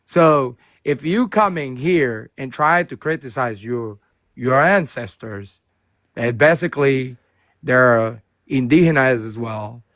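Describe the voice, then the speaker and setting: A man's voice: mid-range voice, slow, fairly bright tone, no echo. A man from Rico, calling into a live stream and arguing with passion, often repeating himself. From Puerto Rico. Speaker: caller. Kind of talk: heated debate on a live stream.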